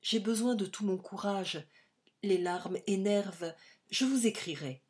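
A woman's voice: mid-range voice, unhurried, darkish tone, pitched above the performer's own voice, natural voice. A woman reading the part of a proud, passionate young man in love, in a fervent, pleading manner, for an audiobook. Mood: resolute.

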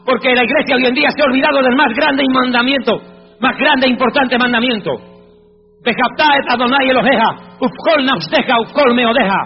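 High-pitched male preacher, emphatic and questioning, reads scripture; reverberant dull recording with soft music underneath. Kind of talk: evangelical sermon.

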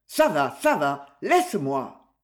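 A reader voicing a surly young man who speaks gruffly and curtly. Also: mid-range voice, sing-song, slow pace, pitched below the performer's own voice.

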